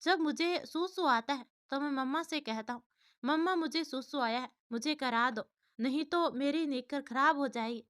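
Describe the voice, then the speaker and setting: A woman's voice: high-pitched, moderate pace, fairly bright tone. A woman voicing a cheeky three-year-old boy in a storybook tale, talking in a broken, childish way. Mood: innocent. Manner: childish broken lisping speech.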